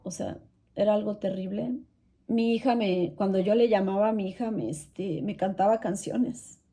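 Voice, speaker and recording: A middle-aged woman who hosts a channel shares a painful personal story as emotional testimony. Her mid-range voice is dark-toned and moves at a normal pace, and she speaks earnestly and with evident pain, often repeating herself.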